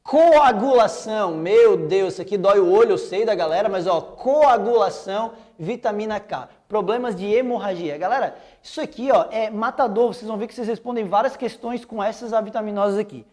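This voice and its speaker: A man's voice: high-pitched, fast, hardly any pauses, darkish tone. A young man with a Brazilian accent teaching an online exam-prep biology lesson in a casual, slangy, joking way. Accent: Brazilian Portuguese.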